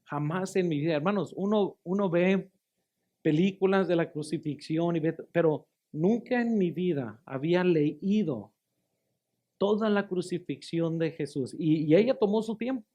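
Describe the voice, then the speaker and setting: Emphatic pastor preaching. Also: male voice, high voice, moderate pace, warm tone, muffled recording. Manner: emphatic storytelling, addresses listeners as brothers; repeats and restarts phrases for emphasis. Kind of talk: sermon testimony.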